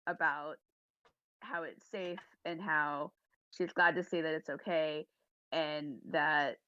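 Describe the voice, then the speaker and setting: A woman's voice: deep voice, steady tone, slow pace, sharp tone, no room sound, dull audio. A woman playing a tabletop game, chatty and giggly as she describes what her character does. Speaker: player.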